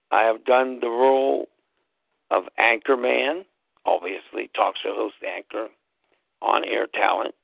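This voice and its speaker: A talk-show host with a mid-range, creaky voice tells a casual story loudly and emphatically, spelling words out and repeating himself for stress. The line sounds tinny and phone-like, dry with no room sound.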